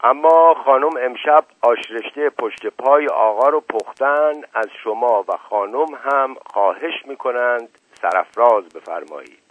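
Man reading as sly charming Asadollah Mirza. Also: medium pitch. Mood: coaxing. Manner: smooth, persuasive, flattering. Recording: dull lo-fi radio recording.

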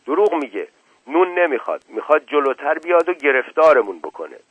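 A man voicing a frightened, suspicious village man who shouts accusations, heard on a tinny radio recording. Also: a little high, very animated, husky, no echo, pitched above the performer's own voice. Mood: shouting.

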